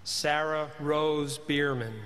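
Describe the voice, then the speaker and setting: A man formally announcing graduates at a commencement, speaking at a podium microphone and reading names in a measured, deliberate way. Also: on the high side, little pitch movement, fairly bright tone. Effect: speaking into a podium microphone in a large hall. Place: large ceremony hall. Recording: reverberant hall, faint ambience.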